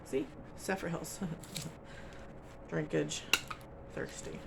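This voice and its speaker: Chatty woman with a gravelly voice. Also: low voice, fairly even intonation, extremely slow, heavy background noise. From United States. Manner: chatty, rambling, with frequent ums and little laughs. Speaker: crochet channel host. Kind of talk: casual chat to camera.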